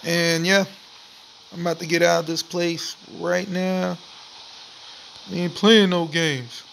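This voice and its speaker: A young man with a high, creaky voice gives casual gameplay commentary like a frat bro. He drawls slowly, swearing and slinging slang. The recording has light background noise over game ambience. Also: little pitch movement, a bit bright, poor audio. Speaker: gaming video host. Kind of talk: casual let's play commentary.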